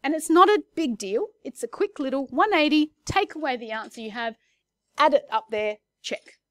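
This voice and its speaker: A woman's voice: high-pitched, animated, moderate pace, no room sound. Chatty woman teaching maths. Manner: chatty, self-correcting, asks the class questions. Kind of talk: classroom lesson. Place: classroom.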